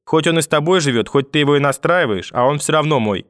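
A man's voice: on the high side, expressive, fast talker, fairly bright tone, smooth, no room sound, clean studio sound, voice pushed up. A man voicing a wounded young mother who pleads and reproaches. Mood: hurt.

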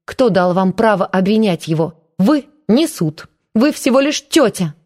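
A woman voicing a young woman defending someone loudly and fervently in an audiobook. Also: medium pitch, normal speed, close to an everyday voice. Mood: indignant. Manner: loud, fervent. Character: young woman, fierce and defiant.

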